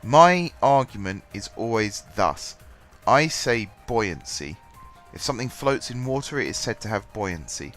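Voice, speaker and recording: His voice low-ish, sing-song, and fairly bright, an unhurried gaming host with a cold talks with hardly any pauses. Stuffy and bunged up, he rambles through casual game commentary full of ums and restarts, faint music behind.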